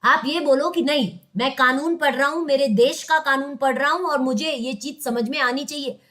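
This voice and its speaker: A woman's voice: high-pitched, normal speed, fairly bright tone. A young Indian woman teaching law in an online class, mixing English terms into Hindi, quizzing her students and coaxing them as "beta".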